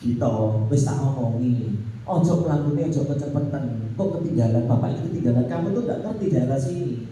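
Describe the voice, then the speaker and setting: A preacher voicing a stern but caring hunter father who scolds his son, in a low, slow voice. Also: animated, mellow, very echoey, far from the mic, a little hiss or hum, lightly acted, low-quality recording. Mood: scolding.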